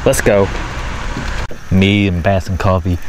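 A deep-voiced man takes it slowly in a level tone while vlogging from his kayak on an open lake, his wearable camera picking up slangy, excited exclamations as he fishes. Heavy outdoor boat and water noise runs throughout.

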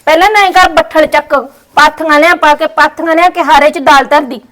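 A Punjabi-accented woman performs a domineering, scheming daughter-in-law bossing her mother-in-law in a scripted family sketch. Her high voice holds a steady tone, runs a little fast, and sounds fairly bright as she commands and scolds.

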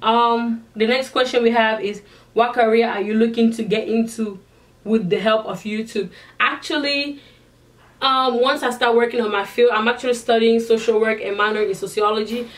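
With a sequined backdrop behind her indoors, a young woman with a non-native English accent does a casual Q&A vlog, answering viewers and often restarting. Her voice is a little high, fairly even in intonation and normal in speed, captured by a distant mic.

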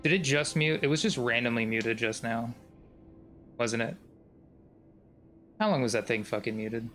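A man's voice: mid-range voice, normal speed, a bit bright, soft background music. A man streaming a video game, commenting casually, swearing often and bursting into sudden screams. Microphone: desk microphone.

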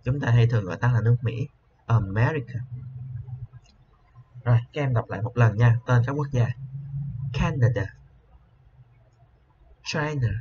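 Male teacher, patient and repetitive, mid-pitched, slightly muffled recording. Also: a little mellow. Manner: patient, repeats each word slowly, frequent "ha" tags. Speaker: English teacher. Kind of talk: bilingual English lesson explanation. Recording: slightly dull lo-fi with faint hiss.

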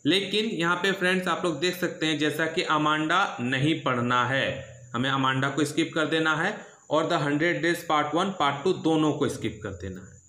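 A man leads a syllabus lesson in a slightly high, bright voice. He speaks steadily and repeats himself, checking in with students again and again. The room echoes noticeably. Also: normal speed. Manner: steady, repetitive teaching with frequent "theek hai" check-ins. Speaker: English teacher.

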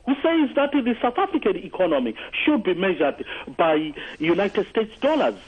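Heard through a tinny phone line on a radio talk show, a man from Zimbabwe phones in with a high, sing-song voice at a moderate pace. He argues earnestly but keeps stumbling into fillers and restarting his sentences.

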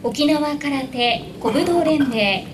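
A woman announcer with a high voice speaks slowly and formally, introducing performers. She is recorded from a distance outdoors, with clear background noise. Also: lively intonation. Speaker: event announcer. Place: outdoor stage and lawn. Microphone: stand microphone, recorded from afar.

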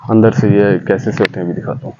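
A man's voice: fairly low pitch, steady tone, fast, darkish tone, dull audio, a little hiss or hum. Chatty young man touring his village. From Pakistan. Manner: chatty, talks straight to viewers. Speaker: vlogger. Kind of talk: casual vlog tour. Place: outdoors in a hot village. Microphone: handheld camera.

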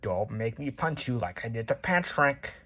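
Cranky touchy male squid, loud and high, husky edge, lively pitch, as a man puts him on. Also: normal speed. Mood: grumpy. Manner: shouty and easily offended. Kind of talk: plush toy parody skit.

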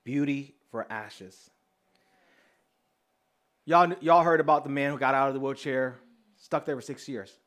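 A man preaching a sermon, telling testimony stories in a lively, conversational way and speaking straight to the congregation. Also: medium pitch, a little fast. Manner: lively storyteller, acting out dialogue; conversational, addresses the congregation directly.

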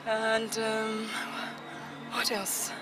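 A wronged young wife, dazed and bitter after her madness. The voice sits high, and loud film music runs underneath it. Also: completely flat delivery, very slow. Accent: Nigerian. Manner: dazed, then bitter and anguished. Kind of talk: Nollywood film acting.

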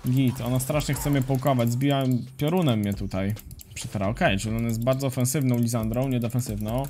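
A man streaming a game, commentating casually and chatting with viewers in a relaxed, slangy way. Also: mid-range voice, brisk, slight background noise. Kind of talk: casual live commentary while playing and reading chat. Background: faint music and keyboard typing.

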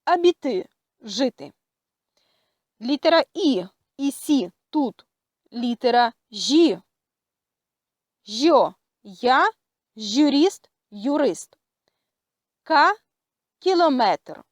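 A woman with a Ukrainian accent teaching a language lesson, speaking carefully and pausing often with hesitant fillers. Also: on the high side, animated, dry recording. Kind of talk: slow spoken lesson.

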